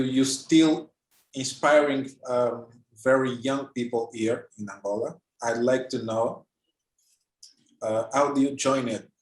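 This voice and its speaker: A man interviewing guests, hesitant with fillers as he asks his questions. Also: mid-range voice. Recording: roomy echoey audio.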